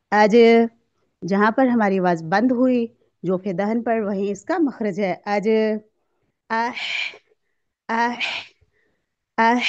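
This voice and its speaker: A woman teaching Quranic letter pronunciation, slowly sounding out each letter for students to repeat and explaining where it comes from. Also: medium pitch, dark tone, muffled recording. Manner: asks a question, then answers it herself. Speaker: tajweed teacher. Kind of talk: recorded recitation lesson.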